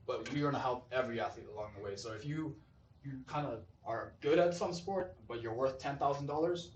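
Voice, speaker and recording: A man from Zimbabwe, a startup founder, pitching his company and then answering audience questions with eager, salesy energy. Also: fairly quick. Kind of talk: pitch presentation and Q&A. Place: event hall. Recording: roomy hall, distant mic, faint noise.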